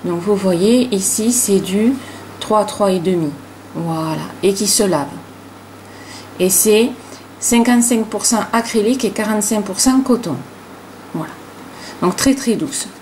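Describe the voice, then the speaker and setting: A middle-aged woman with a regional French accent hosts a casual crochet tutorial, chatting away with plenty of fillers like "hein" and "voilà". Her medium-pitched, darkish voice is unhurried, with long pauses, and there is a little hiss or hum in the recording.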